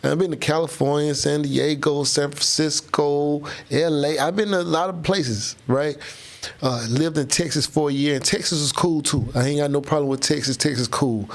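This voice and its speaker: Hosting a livestream, a man from Florida talks casually and slangily with his audience, reading out comments from the chat. He speaks at a normal speed in a steady, fairly high voice.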